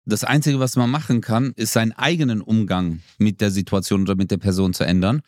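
A man's voice: lowish voice, fairly even intonation, a little fast, darkish tone, no echo. Slangy laid-back man, dry close sound. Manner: laid-back, slangy, acts out quoted lines. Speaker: podcast co-host. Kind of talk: casual chat.

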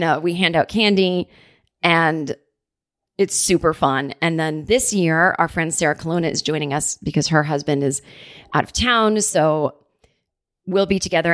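Chatty rambling woman podcaster, lowish voice. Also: no room sound, clean studio sound. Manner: chatty, rambling, laughs often. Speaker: podcast host. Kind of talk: casual chat. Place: home.

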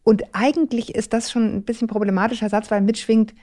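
A woman hosting a podcast conversation, chatty and teasing, with quick asides. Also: a little high, fairly even intonation, warm tone. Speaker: podcast host. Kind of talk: casual podcast chat.

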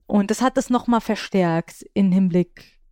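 A woman's voice: medium pitch, measured pace, warm tone, dry recording, studio quality. A woman hosting a podcast, chatting casually and openly, with frequent restarts and laughs. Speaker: podcast host. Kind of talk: casual chat.

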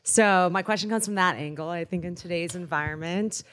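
Woman with a lowish voice asking a careful, formal question. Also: a little fast, fairly bright tone, a little hiss or hum. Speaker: audience questioner, startup founder. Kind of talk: prepared audience question.

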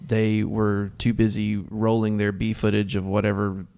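A man co-hosting a sports podcast, chatting casually and breaking into animated, mocking jokes. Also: normal speed, gravelly, smooth. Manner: animated, mocking, jumps high when joking. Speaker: podcast co-host.

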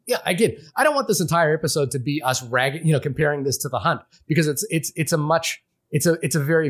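A man from Fiji, a podcast co-host, talking through a film in casual, rambling chat full of restarts and fillers. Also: fairly high pitch.

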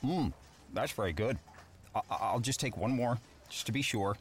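A man's voice: medium pitch, expressive, moderate pace, slight background noise, lightly acted. An actor playing a greedy shopper in a radio ad, chewing and mumbling as he helps himself to more samples. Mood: sheepish. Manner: mumbling, chewing between words. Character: greedy adult man grabbing free samples. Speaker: ad character.

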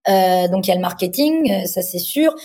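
A woman in her thirties from France, a designer speaking as a guest in a relaxed interview, passionate and pausing often on fillers. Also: mid-range voice. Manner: passionate, hesitant with frequent fillers. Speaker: guest, wedding dress designer. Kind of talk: casual interview chat.

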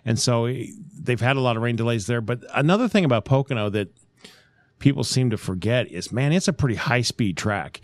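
A man chats loosely on a podcast, circling back and restarting as he hunts for names. His voice sits at an ordinary pitch. The sound is dry and close, with no room around it. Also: animated, brisk, dry recording. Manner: rambling, searches for names, many restarts. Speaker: podcast co-host. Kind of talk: casual sports podcast chat.

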